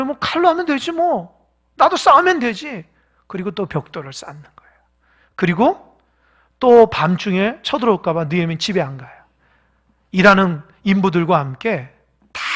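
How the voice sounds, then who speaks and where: A man preaching a sermon as pastor, alternating loud exhortation with hushed whispers and asking the congregation to respond. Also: very high voice.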